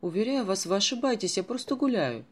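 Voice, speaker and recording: A man's voice: high voice, very animated, a little fast, slightly rough, pitched above the performer's own voice, full character voice. A man doing a frightened teenage boy. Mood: nervous. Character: teenage boy on holiday, frightened but quick.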